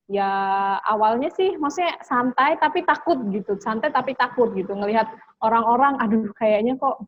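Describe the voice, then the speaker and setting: With a highish voice and lively intonation at normal speed, a young woman from Indonesia shares her story as an interview guest and scholarship graduate. She chats freely, using many fillers and slipping in English phrases, on a dull, dry lo-fi recording.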